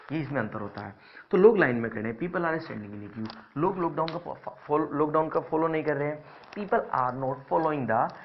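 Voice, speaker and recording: A man's voice: fairly high pitch, highs cut off. A male English teacher giving a grammar lesson, patiently repeating example sentences and calling his listeners children. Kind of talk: classroom-style grammar lesson.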